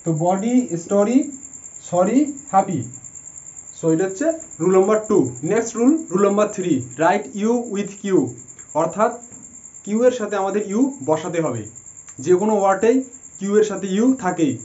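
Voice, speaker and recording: High-voiced man teaching in an echoey room. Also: normal speed, dark tone, lo-fi sound. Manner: patient, spells words letter by letter. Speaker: English spelling teacher. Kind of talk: explaining a lesson step by step.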